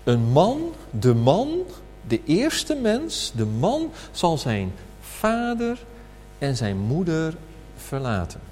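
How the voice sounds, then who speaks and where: A man preaching a sermon at a communion service, slow and emphatic, asking rhetorical questions. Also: fairly high pitch, huge pitch swings, a little mellow. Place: church hall. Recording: reverberant hall with faint hum.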